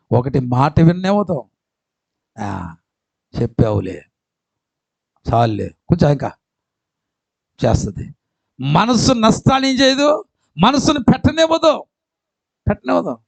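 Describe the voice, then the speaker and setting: A man with a Telugu accent preaching a sermon as pastor, emphatic, quizzing the congregation and swinging between loud calls and quiet asides. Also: a little high, gravelly, dry recording. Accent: Telugu, Andhra. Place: church hall.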